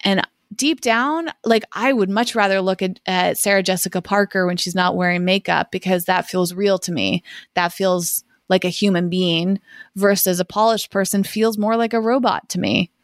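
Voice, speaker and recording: A woman co-hosting a podcast in a casual, chatty style, musing aloud with animated asides. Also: medium pitch, normal speed, no echo, clean studio sound. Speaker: podcast co-host. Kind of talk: casual chat.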